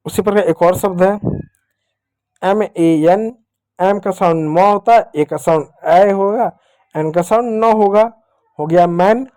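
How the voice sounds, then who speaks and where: Guy teaching little kids online, mellow voice, asks stuff then answers it himself, dry sound. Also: sits high, slow pace, long pauses, no echo. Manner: patient, repetitive drilling. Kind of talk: online lesson for children. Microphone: writing with a digital pen while talking.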